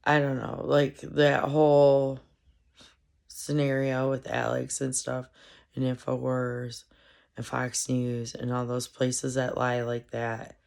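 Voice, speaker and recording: Sounding stuffed up, a woman with a bass, creaky voice gives a casual commentary on her own. Her speech wanders and stalls, full of filler words.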